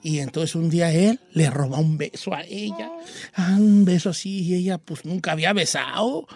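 A man with a Mexican accent tells a comic legend to his friends. He talks playfully and animatedly, with plenty of fillers. His voice sits high for a man. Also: moderate pace, a little mellow. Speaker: storyteller. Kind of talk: casual comic storytelling among friends.

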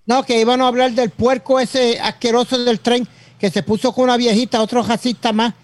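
A man with a very high voice chimes in as co-host, blunt and quick to interrupt. He chats casually, moving between Spanish and English. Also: flat delivery, no echo. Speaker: co-host of a talk show. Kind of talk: casual bilingual chat.

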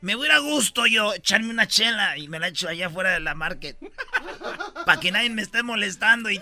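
A man's voice: high voice, expressive, fairly quick, pushed and bright. A man with a Mexican accent hosting casual commentary on viral videos. He talks animatedly in slang and acts out the people he quotes. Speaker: host.

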